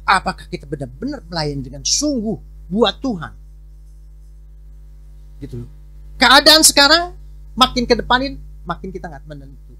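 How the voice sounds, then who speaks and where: Bright-voiced man preaching casually. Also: high-pitched, big pitch swings, normal speed, pauses often, no room sound. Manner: informal preaching, repeats words, swings between loud and soft. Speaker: pastor. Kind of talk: conversational sermon.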